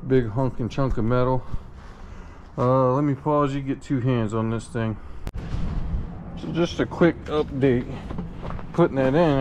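A man vlogging as he sorts through a storage unit, talking in a folksy, unhurried way while he thinks aloud. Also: medium pitch. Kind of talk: casual chest-cam vlog narration. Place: metal storage unit and gravel lot outdoors. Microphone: chest-mounted action camera. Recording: noisy outdoor action-camera audio.

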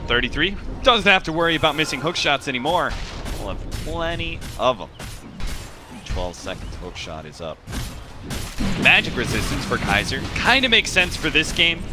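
A man giving play-by-play commentary on a competitive video game match, speeding up into rapid excited calls during fights. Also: medium pitch, over music. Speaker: esports caster.

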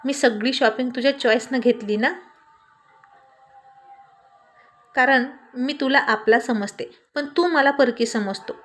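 A woman's voice: high-pitched, moderate pace, fairly bright tone. A woman voicing a moody young girlfriend who pouts and sweet-talks. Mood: sulky. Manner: pouting, sweet-talking.

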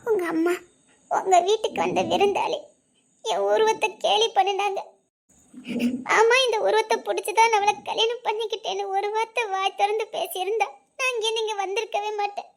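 A woman's voice: very high voice, steady tone, normal speed, creaky. A woman voicing a wounded young wife who speaks in a tearful, bitter, accusing way in a spoken drama. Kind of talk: Tamil audio drama acting.

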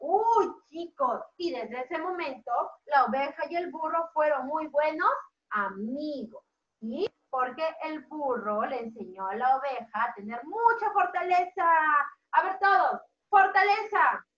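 A woman with a high, bright, expressive voice speaks unhurriedly as a preschool teacher running an online class for small children. She's cheerful and coaxing, praising the kids by name while telling them a story. The recording sounds roomy, distant and dull.

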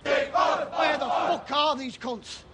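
An actor with an English accent playing an impatient rival hooligan who shouts crudely. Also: male voice, very high-pitched, very slow, full character voice. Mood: angry. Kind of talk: film dialogue. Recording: loud crowd and noise behind.

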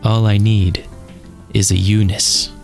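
A man reading a deadpan woman poet. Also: fairly low pitch, slow pace, creaky, faint music behind, voice pushed down.

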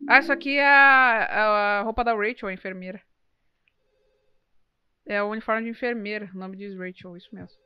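A woman's voice: mid-range voice, fairly even intonation, moderate pace, pauses often, clean tone, no echo, lo-fi sound. A young woman, giving live gameplay commentary, jumpy and exclaiming, swearing at enemies. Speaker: streamer.

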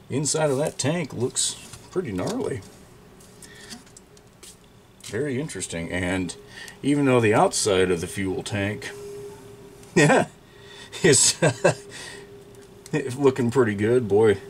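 Inside a repair workshop, a middle-aged chainsaw repair channel host gives a casual show-and-tell of an old tool on his bench, thinking out loud as he works and erupting in surprise. His voice is medium-pitched, and a little hiss or hum is audible.

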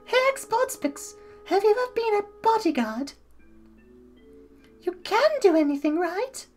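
A woman's voice: very high voice, lively intonation, unhurried, darkish tone, soft background music. A woman voicing a playful young flower-selling woman in a game playthrough. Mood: teasing. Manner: playful, teasing.

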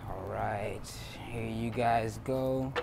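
A man's voice: on the low side, very slow, creaky, noisy background, exaggerated voice. A man acting as a polite, easygoing waiter who turns out to own the restaurant, over background music. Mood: friendly. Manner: polite, patient, relaxed. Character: friendly easygoing male waiter, secretly the owner. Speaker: actor in a web skit. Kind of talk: scripted skit acting.

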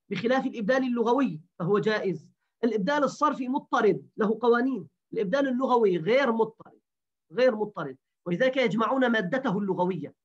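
A woman teaching a grammar lesson, repeating words slowly and quizzing her students. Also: a little high, breathy edge. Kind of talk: grammar lesson to an online class. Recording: dull lo-fi recording.

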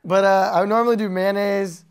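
Young american guy, laid back, smooth clear voice, a bit high. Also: fairly quick. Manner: easygoing, relaxed, uses lots of fillers. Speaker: guest. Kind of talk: casual chat.

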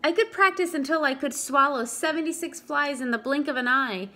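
A woman voicing a boastful young male turtle in a storybook, in an eager, high voice. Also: fairly quick, pushed and bright. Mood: worried.

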